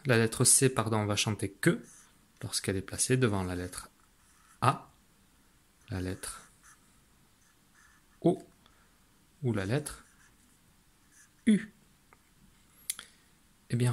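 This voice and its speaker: A male teacher with a medium-pitched voice gives young children a phonics lesson, speaking patiently and kindly. He slows down to sound out every letter and syllable, and he encourages and praises the child after each answer.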